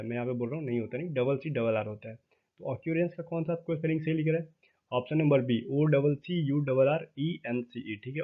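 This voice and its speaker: A man teaching vocabulary for exam preparation, chatty, often checking in with his viewers and spelling words out slowly letter by letter. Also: a little high. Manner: chatty, addresses viewers as "भाई". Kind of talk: exam-prep lesson. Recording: tinny phone-like audio.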